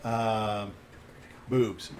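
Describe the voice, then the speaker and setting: A man's voice: fairly low pitch, little pitch movement, extremely slow. A man working as game master, narrating a tabletop game in a casual, conversational way. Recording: loud background noise, room ambience.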